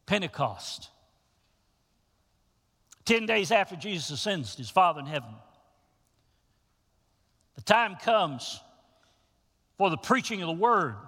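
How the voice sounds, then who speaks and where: High bright-voiced preacher in a reverberant hall. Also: male voice. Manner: animated storytelling preacher, folksy asides. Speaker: pastor. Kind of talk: sermon.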